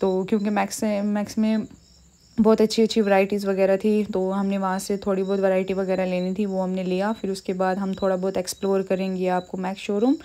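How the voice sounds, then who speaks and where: A woman's voice: mid-range voice, completely flat delivery, brisk, warm tone. Young woman narrating a shopping vlog. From Jammu. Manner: chatty, listing things with lots of "vagairah" and "to guys". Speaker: vlogger.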